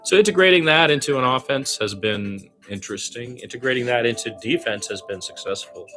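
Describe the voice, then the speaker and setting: This man, speaking in a mid-range voice, does live amateur radio commentary on basketball. He's lively when the action happens and casual, wry and reflective in his meandering side remarks.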